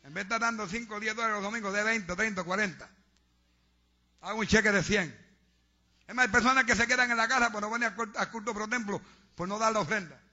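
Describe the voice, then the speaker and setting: A man's voice: high-pitched, fast, sharp tone. A man preaching a fervent sermon to his congregation, urging them and calling out to them. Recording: dull lo-fi sound.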